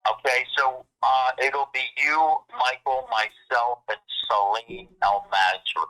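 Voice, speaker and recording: A man calling in over a phone on speakerphone, laying out plans in a brisk, businesslike way. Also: mid-range voice, big pitch swings, vocal fry, pushed and bright, low-quality recording. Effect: heard over a phone on speakerphone. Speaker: caller, event organizer.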